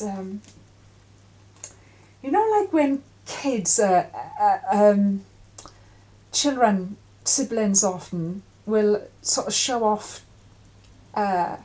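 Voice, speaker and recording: A middle-aged woman giving an intuitive tarot reading in a musing, halting way with many fillers. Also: mid-range voice, mellow, poor audio. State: coughing at times. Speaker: tarot reader.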